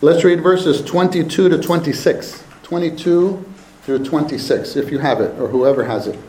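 A man preaching a sermon at a pulpit microphone, slow and emphatic, often repeating his phrases. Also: a little high, dark tone. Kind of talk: sermon to a congregation. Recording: echoey hall with faint room noise.

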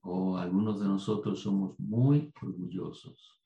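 A man from Puerto Rico preaching a sermon at a conference, animated and digressive, with asides to the audience, in an echoey hall. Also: low-pitched, unhurried, vocal fry, muffled recording.

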